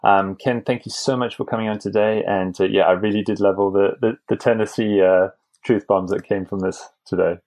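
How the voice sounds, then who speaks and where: A man hosting an interview podcast, chatting casually in an agreeable, slightly halting way. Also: on the low side, fairly even intonation, a little mellow. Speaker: podcast host.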